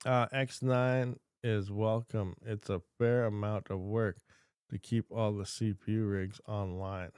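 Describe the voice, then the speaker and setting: A man's voice: lowish voice, fairly even intonation, takes it slowly, a little mellow, smooth, no echo, studio quality. A man hosting a casual livestream Q&A, rambling and reading chat questions aloud from a home desk. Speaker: crypto mining channel host.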